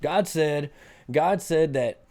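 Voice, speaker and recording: A man co-hosting a podcast in casual chat, halting and repeating words, slangy. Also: a little high, mellow. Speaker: podcast co-host.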